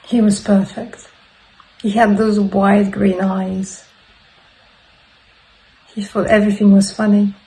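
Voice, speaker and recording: An actress playing a grieving mother who makes a halting confession in a dramatic monologue. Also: medium pitch, little pitch movement, dark tone, rough recording. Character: grieving mother haunted by her lost child. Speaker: actor in a showreel scene.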